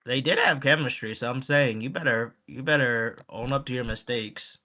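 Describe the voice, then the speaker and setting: Bright-voiced man, animated podcast host. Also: medium pitch, normal speed. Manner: animated, acts out quoted voices. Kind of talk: casual chat.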